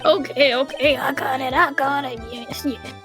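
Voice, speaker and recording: A woman's voice: high-pitched, steady tone, moderate pace, a bit bright, soft background music. Doddering old rascal for a game, played by a woman: grumbly, mumbling, sly. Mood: grumbling, placating. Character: doddering lecherous old man posing as hospital director. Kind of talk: video game role read aloud.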